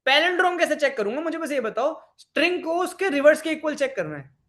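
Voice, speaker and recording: A man with a fairly high-pitched voice runs a live online coding class. He mixes English programming terms into his Hindi. He repeats phrases and keeps quizzing his students. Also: sing-song, fast talker, fairly bright tone. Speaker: programming instructor.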